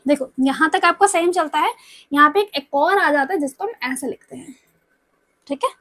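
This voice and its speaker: A woman's voice: high-pitched, normal speed, a bit bright, dry recording. A young woman teaching a language lesson, explaining step by step and often checking whether her students follow.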